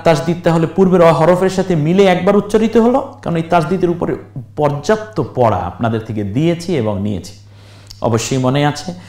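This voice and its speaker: Male Quran teacher, slightly high voice, patient letter-by-letter drilling, echoey room. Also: a little mellow. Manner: spells out letters slowly, then chants the verse in a stretched singing tone. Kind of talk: step-by-step recitation lesson.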